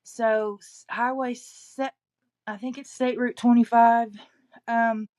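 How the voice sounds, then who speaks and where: A woman's voice: a little high, little pitch movement, slow, mellow. A woman with an East Tennessee accent, chatting casually as a local resident giving news, often backtracking and qualifying what she says.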